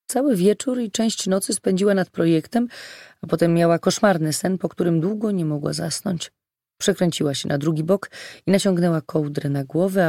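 A narrator reads the story in a steady, measured way, with a gravelly grain to the voice. The recording is dry and close, with no room sound. The pitch sits at a middle level. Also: dry recording. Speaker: audiobook narrator. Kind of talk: scripted narration.

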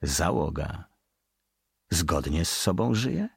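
A man's voice: low-pitched, sing-song, slow pace, creaky, breathy edge, no room sound, clean studio sound, exaggerated voice. A man doing a curious, probing young sailor. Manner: inquisitive, questioning.

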